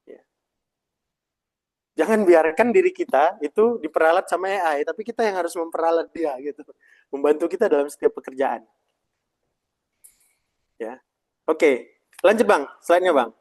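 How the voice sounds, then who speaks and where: A man with a fairly high voice teaches a live presentation-skills workshop. He talks in a lively, emphatic way and keeps asking the audience whether things are clear. He is speaking in a meeting room to a live audience. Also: moderate pace, pauses often. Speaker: presentation trainer.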